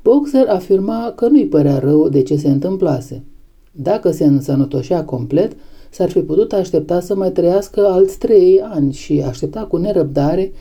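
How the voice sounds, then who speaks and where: Woman audiobook narrator, low and very mellow, measured steady delivery. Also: breathy edge.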